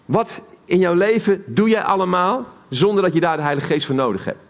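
Giving a live sermon in a church hall, this Dutch-accented preacher speaks conversationally and puts questions to the congregation. He has a high voice and talks a little fast.

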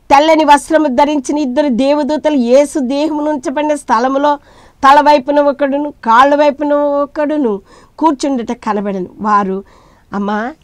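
A woman preaches a sermon in a high-pitched voice on a dry recording. She rises to loud, emphatic peaks, then drops to soft appeals, addressing listeners as her beloved children.

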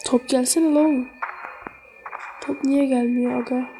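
A woman's voice: slow pace, music in the background, poor audio. A woman giving casual let's-play commentary on a mobile game, cheering on and cursing at the character with sudden yelps when she fails. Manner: excitable, sudden high yelps when failing.

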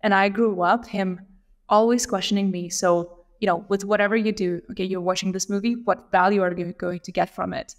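A woman in her thirties from Lithuania speaks as a guest on a podcast, reflective and even-paced as she tells her story. She talks from a small room over a video call using earbuds. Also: medium pitch, brisk. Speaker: guest, operations leader. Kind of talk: casual interview chat.

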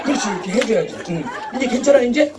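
A man with a very high voice cracks bawdy jokes on an outdoor stage and coaxes the audience to chant along. He is heard from some distance, over a loud, noisy crowd. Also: lively intonation, quick pace. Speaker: stage comedian and entertainer.

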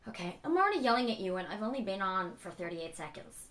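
A young woman vlogging casually from home, chatty and bubbly, her voice raspy from a cold. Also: medium pitch, sing-song, fast, a bit bright. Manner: bubbly and chatty, with many fillers.

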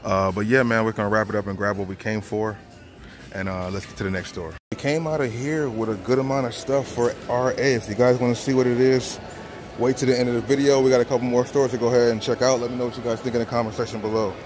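A man's voice: mid-range voice, fairly even intonation, quick pace, background noise. A man in his thirties chatting casually to viewers while browsing a large store, filming on a handheld phone. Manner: casual, chatty, thinking aloud. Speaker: reselling vlogger. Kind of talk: casual shopping vlog. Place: large retail store, indoors.

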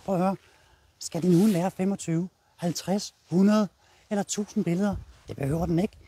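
A man's voice: high voice, steady tone, dark tone, slightly rough. A man with a Danish accent, a dog trainer explaining his method in a blunt, casual way while walking a dog outdoors.

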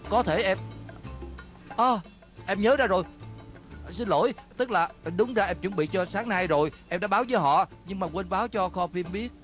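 A man's voice: sits high, moderate pace, fairly bright tone, soft background music. A man dubbing an anxious, placating male film crew assistant in a TV drama. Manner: placating and apologetic. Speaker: dub actor. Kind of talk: Vietnamese dub of a TV drama.

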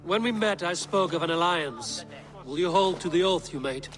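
An actor playing a loyal, resolute Viking clan leader in a dramatic video game scene. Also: male voice, sits high, expressive, moderate pace, over music.

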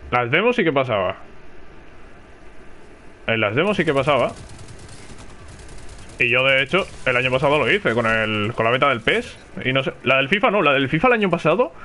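With a fairly high, slightly bright voice, a man from Spain comments live on the game he's playing as a streamer. He keeps up a chatty flow, reacting aloud and calling out to teammates.

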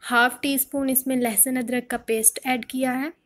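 A woman with a fairly high voice talks through a home recipe as a voice-over. She explains each step calmly and plainly, like a cooking channel host guiding viewers at home. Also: moderate pace. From Pakistan. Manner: calm step-by-step instruction.

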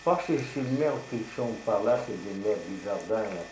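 A man's voice: on the low side, lively intonation, brisk, a little mellow. An elderly man with a grandpa voice, casually telling rambling, colloquial stories of his past. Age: elderly, 70s or older. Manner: grandpa voice: old man's rambling, colloquial storytelling. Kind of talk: casual reminiscing and storytelling. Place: living room at home. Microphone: camcorder microphone across the table. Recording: roomy, noisy home camcorder recording.

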